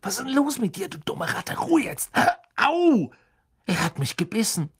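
A man voicing a panicky teenage boy who shouts shrilly after his runaway pet rat in an audiobook. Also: sits high, big pitch swings, normal speed, breathy edge, pitched above the performer's own voice, full character voice. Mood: frantic.

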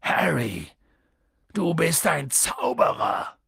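A man reading an audiobook and voicing a huge, hot-tempered but kind male giant who swings between hushed whispers and booming shouts. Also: big pitch swings, a little slow, gravelly, breathy edge, no room sound, clean studio sound, full character voice. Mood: earnest.

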